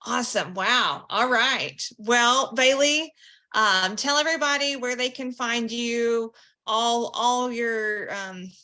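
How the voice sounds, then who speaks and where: A woman's voice: fairly high pitch, takes it slowly, bright, forceful tone. A woman hosting a casual interview podcast, encouraging and thinking aloud as she repeats her phrases. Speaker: podcast host.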